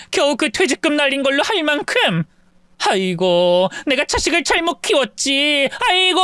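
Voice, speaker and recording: A narrator voicing a wailing, self-pitying elderly mother who accuses her son in a shrill, tearful way. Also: a bit bright, no echo, studio quality, natural voice. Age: older.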